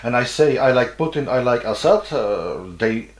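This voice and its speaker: A man, interviewing a guest in a halting, animated way, with many fillers. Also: medium pitch. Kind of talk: interview chat. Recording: roomy echo.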